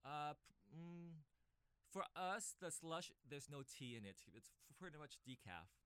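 A man's voice: on the high side, lively intonation, unhurried, pushed and bright, smooth, no room sound. A man from Vietnam, a middle-aged shop co-owner and guest, speaking plainly and a little hesitantly. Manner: plain, hesitant, simple phrasing. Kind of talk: casual interview.

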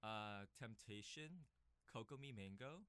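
A man's voice: fairly low pitch, expressive, measured pace, fairly bright tone, clean tone, dry recording. A man from Vietnam, a middle-aged shop co-owner and guest, speaking plainly and a little hesitantly. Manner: plain, hesitant, simple phrasing. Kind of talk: casual interview.

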